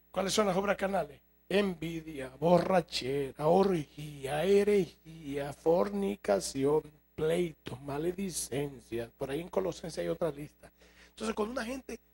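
Raspy, high-pitched preaching man. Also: a little mellow. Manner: emphatic, rhetorical questions to congregation. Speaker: pastor. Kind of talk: sermon. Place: church.

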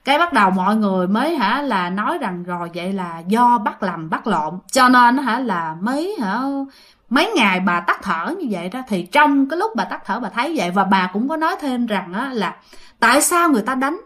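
With a fairly high, somewhat bright, sing-song voice, a woman tells ghost stories a little fast. Her Southern Vietnamese accent colors the casual, chatty telling, and she repeats phrases while speaking directly to her listeners.

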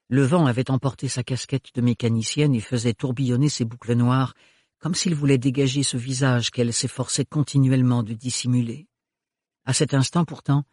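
A man narrating a novel in a steady, measured way. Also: medium pitch, husky, no echo, studio quality. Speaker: audiobook narrator. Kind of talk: scripted narration.

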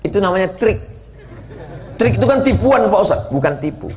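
Animated male preacher, shouts then hushes. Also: high-pitched, a little fast, a faint crowd, a little hiss or hum. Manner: animated, jokey, swings from shouts to near-whispers. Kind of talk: sermon at a mass religious gathering. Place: mosque event.

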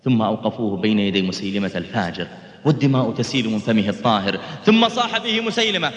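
A man preaching and telling a story in a dramatic, rhythmic style with sweeping swings in pitch. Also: big pitch swings, fast, a bit bright. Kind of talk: sermon storytelling. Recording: reverberant hall.

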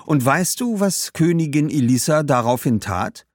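A man's voice: a little high, animated, moderate pace, no room sound, studio quality, pitched above the performer's own voice, lightly acted. A man voicing a thoughtful young girl telling an old legend in a children's audiobook, in a voice well above his own. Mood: earnest. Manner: earnest, explaining. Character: thoughtful young girl, storytelling older sister. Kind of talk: storybook character voice.

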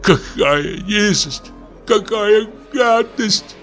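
A man's voice: high voice, animated, drawn-out words, a bit bright, soft background music, pitched above the performer's own voice, full character voice. A man voicing an old, hard-of-hearing retired naval captain who mishears and blusters. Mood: indignant. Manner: mishears, then blusters indignantly.

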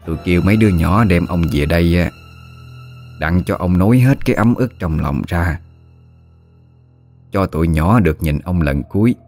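A man voicing a calm, commanding older female exorcist with a Southern Vietnamese accent. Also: low voice, normal speed, long pauses, faint music behind. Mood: firm. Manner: firm, matter-of-fact.

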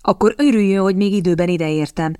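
A woman reading the lines of a composed young gentleman in a firm, commanding way. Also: mid-range voice, clear, resonant tone, dry recording, studio quality, close to an everyday voice.

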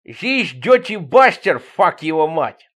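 A man voicing a loud, boastful male diver who shrieks his words in a high, drawn-out voice. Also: big pitch swings, exaggerated voice. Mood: bragging.

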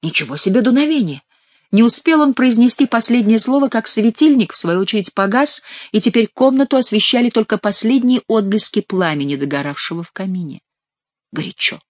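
A woman narrating an audiobook in calm storytelling. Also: on the high side, a little fast, few pauses, dry recording. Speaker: audiobook reader. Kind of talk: scripted narration.

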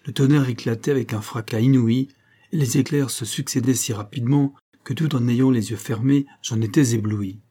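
A man reading a classic story aloud in a measured, even narrating manner. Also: medium pitch, husky. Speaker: audiobook reader. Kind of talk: scripted literary narration.

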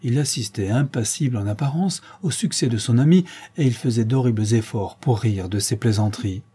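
A man reading a 19th-century novella aloud as an audiobook narrator, with measured, expressive storytelling. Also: mid-range voice, breathy edge.

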